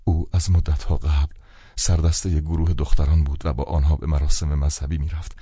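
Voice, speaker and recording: A man narrating a novel as an audiobook in calm, measured first-person storytelling. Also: very deep voice, husky, dry recording. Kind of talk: scripted narration.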